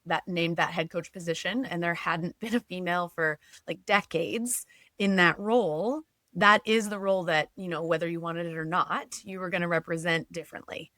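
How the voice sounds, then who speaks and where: A woman's voice: lowish voice, fairly even intonation, moderate pace, sharp tone, no room sound. A woman hosting a podcast, chatty and casual, filling her talk with "like" and acting out what others said. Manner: chatty, lots of "like", acts out quotes. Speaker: podcast host. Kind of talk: casual conversational interview.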